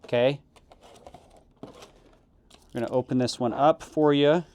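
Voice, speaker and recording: A man giving a casual, halting unboxing review, correcting himself as he goes. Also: mid-range voice, fairly even intonation. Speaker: product reviewer. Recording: noisy, with crinkling packaging and clicks.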